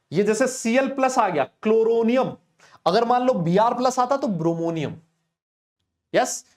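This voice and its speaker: A man's voice: high-pitched, a little mellow. A man teaching chemistry in a live online lecture, chatty and teasing, answering comments as he goes. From India. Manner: chatty, teasing, answers live chat comments, coaxes students with filler tags.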